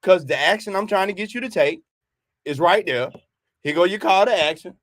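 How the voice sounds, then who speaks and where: A man's voice: high-pitched, fairly quick, fairly bright tone, no echo, clean studio sound. A man co-hosting a business talk show, chatting casually and animatedly, laughing often and repeating words as he gets going.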